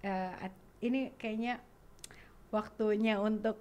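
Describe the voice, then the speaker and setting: A woman's voice: medium pitch, slow, lo-fi sound, a little hiss or hum. A woman in her thirties chatting casually, telling a personal story with acted-out dialogue and bits of English. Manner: animated, acts out dialogue, mixes in English. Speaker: guest.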